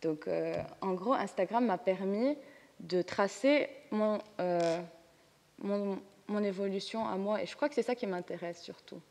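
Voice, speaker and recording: Lebanese woman panelist, candid and chatty, average pitch, reverberant hall sound. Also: a little slow, a little mellow. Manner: spontaneous, frank and chatty. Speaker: panelist, comics artist. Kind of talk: casual panel talk. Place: conference hall.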